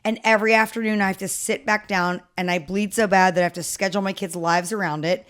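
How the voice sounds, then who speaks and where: A woman's voice: medium pitch, fairly even intonation, fast, fairly bright tone. A woman co-hosting a casual podcast, reading listener stories aloud and chatting about them.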